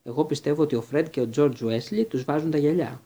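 A man playing a big, hearty gamekeeper in a storybook, blunt and good-natured, his voice dark and mellow with a husky edge. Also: a little high.

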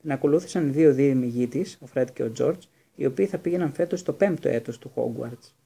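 A man reading an audiobook aloud with steady, even storytelling. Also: medium pitch, creaky, husky. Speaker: audiobook narrator. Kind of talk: audiobook narration.

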